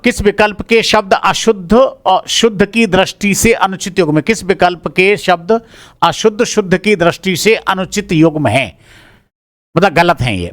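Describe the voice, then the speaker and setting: A man's voice: sits high, fairly bright tone, no room sound, clean studio sound. A male teacher working through an exam answer key, reading each word aloud and repeating it as he checks whether it is right or wrong. He talks informally and calls the listeners "brother".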